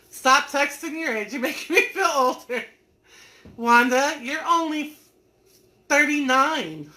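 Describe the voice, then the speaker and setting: Reading comments aloud on her live stream, this host of an online business community, a woman in her forties, teases viewers by name in a folksy, chatty way. Her voice sits on the high side with a sharp tone.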